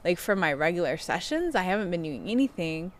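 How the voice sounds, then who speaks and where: A woman's voice: on the low side, sing-song, a little fast. A middle-aged woman talking casually and personally to camera like a self-help influencer, in a candid confessional chat. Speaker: self-help vlogger who gives coaching sessions. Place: outdoors on a wooden deck. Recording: clear outdoor background noise.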